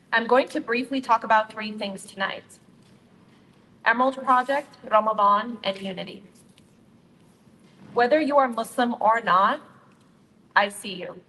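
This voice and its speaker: A young Utah woman who co-founded a nonprofit delivers a prepared speech to a community gathering, her mid-range voice bright and forceful. She's upbeat and friendly, speaking straight to the crowd. The hall is reverberant, with faint ambient noise.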